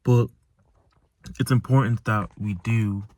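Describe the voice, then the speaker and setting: A man's voice: fairly low pitch, steady tone, slow, a little mellow, no room sound. A young man giving a reflective motivational monologue, speaking earnestly and emphatically and repeating key phrases, recorded inside a car. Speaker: self-improvement vlogger. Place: inside a parked car at night.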